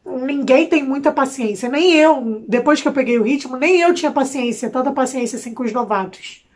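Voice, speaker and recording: A young woman from Brazil, speaking with a Brazilian Portuguese accent, vlogging in a chatty, expressive way with slangy asides. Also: high voice, normal speed. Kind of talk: casual chat to camera.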